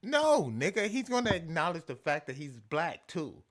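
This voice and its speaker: A man hosting an animated commentary rant, repeating himself emphatically with profanity and mocking asides. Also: fairly high pitch, moderate pace, slight background noise. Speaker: show host.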